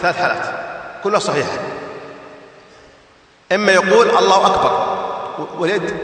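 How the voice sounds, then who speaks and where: Male sheikh giving a lesson, high bright voice, patient explainer, booming hall reverb from a distant mic. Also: brisk. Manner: explains patiently, demonstrates chanted takbir. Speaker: sheikh teaching jurisprudence. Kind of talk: religious lesson commentary. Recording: echoey hall, voice from far off.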